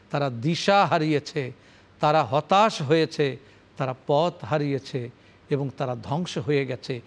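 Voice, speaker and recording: A man with a fairly high voice delivers a formal religious lecture on the Quran for television. He chants Arabic verses, then builds solemn, rhythmic chains of repeated phrases to explain them. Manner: formal, solemn address to the audience. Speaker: Islamic scholar presenting Quran commentary.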